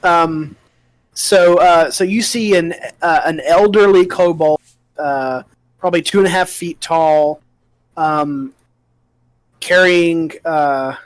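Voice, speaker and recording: A man narrating a tabletop game as game master, improvising in a halting, hesitant way with many pauses. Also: on the high side, dry recording, low-quality recording.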